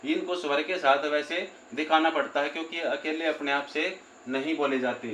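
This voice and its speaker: A man with a slightly high voice teaches a grammar lesson. He goes over each point more than once and slows down to spell out word parts. The room echoes, with a faint hum behind him. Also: steady tone, fairly bright tone. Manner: repeats points, often says "theek hai" and "doston".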